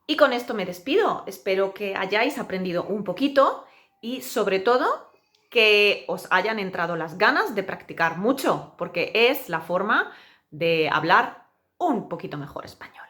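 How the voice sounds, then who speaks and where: A woman teacher giving a pronunciation lesson, saying example words slowly and with exaggerated care. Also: medium pitch, expressive, pushed and bright. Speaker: Spanish teacher.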